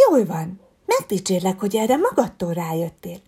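A woman voicing a kind, warm-hearted owl schoolteacher who speaks in a gentle, coaxing way. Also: mid-range voice, wildly swooping pitch, husky, heavily acted. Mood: kindly.

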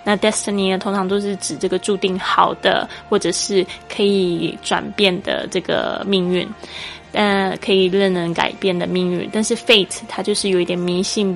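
A woman's voice: fairly low pitch, creaky. Woman teaching English patiently. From Taiwan. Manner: patient and explanatory, spells English words out letter by letter. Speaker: English teacher and podcast host. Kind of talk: podcast English lesson.

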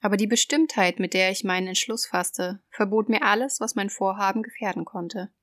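Give me a woman reading a dark story aloud, measured and cold, with a dry studio sound. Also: medium pitch, fairly even intonation, no echo. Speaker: audiobook reader. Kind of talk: scripted narration of a dark tale.

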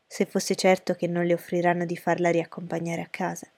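A woman voicing a sensible, sharp young woman who reasons in a level way. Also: lowish voice, completely flat delivery, fairly quick, no echo. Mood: reasoning. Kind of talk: audiobook character voice.

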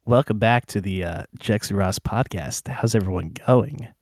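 A man's voice: lowish voice, darkish tone, no room sound, studio quality. A man hosting a casual podcast, introducing players with loose, swearing jokes. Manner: slow, loose, swearing, joking. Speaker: podcast host.

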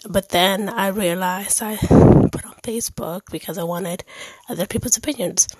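A woman's voice: medium pitch, moderate pace, a little mellow, slightly rough, no echo, low-quality recording. A woman hosting her own podcast, talking candidly and earnestly about her life in a heartfelt monologue. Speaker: podcast host.

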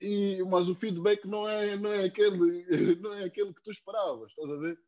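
A young man talks in a warm, relaxed tone that sits slightly high. He keeps circling back, repeating words and tacking on questions to his listener as he explains himself in a casual podcast chat. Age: young adult. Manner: earnest, halting, many repeated words and tags. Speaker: rapper, podcast guest.

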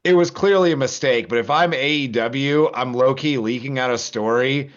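Guy on a podcast thinking out loud, kinda muffled lo-fi audio. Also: medium pitch, moderate pace. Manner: thinking aloud, hesitant restarts. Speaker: podcast guest. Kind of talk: casual wrestling chat.

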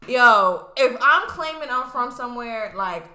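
A young woman in her twenties chatting casually, blunt and quick to laugh. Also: on the high side, animated, pushed and bright, reverberant. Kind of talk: casual chat.

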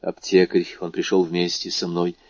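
A man's voice: sits low, monotone, moderate pace, no room sound. A man voicing a shaken male royal prosecutor who asks tense, startled questions. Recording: dull dry lo-fi recording.

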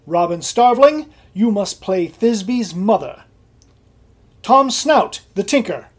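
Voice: mid-range voice, expressive, slow, husky. An actor playing an earnest, officious male director of amateur players in a Shakespearean comedy, fussing and coaxing. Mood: firm, fussy.

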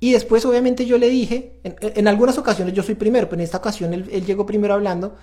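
Speaking quickly in a warm, high-sitting voice with fairly even intonation, a male host presents a faith-based parenting show. His manner is earnest and confessional as he talks straight to the audience.

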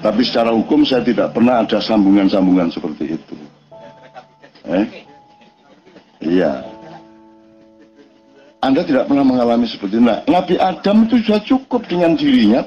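A man's voice: medium pitch, sing-song, moderate pace, pauses often, lo-fi sound, soft background music. A man from East Java with an East Javanese accent, giving an informal religious lecture in a rambling, conversational way full of rhetorical questions. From East Java, Indonesia. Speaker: religious speaker.

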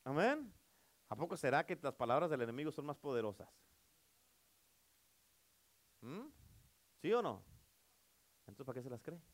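A male pastor preaching a sermon, emphatic, calling for amens and swinging between loud and soft. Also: medium pitch, sing-song, fairly quick.

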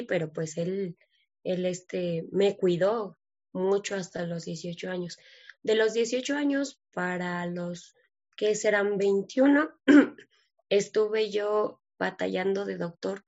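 Earnest woman, gravelly lo-fi voice. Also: medium pitch, a little mellow. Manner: earnest, emotional, acts out dialogue. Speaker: guest. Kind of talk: personal testimony in an interview.

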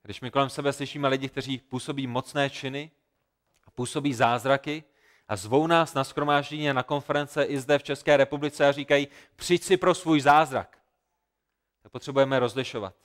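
A man's voice: mid-range voice, steady tone, fairly bright tone. A man preaching a sermon, retelling a scripture story with earnest, emphatic repetition. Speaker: pastor.

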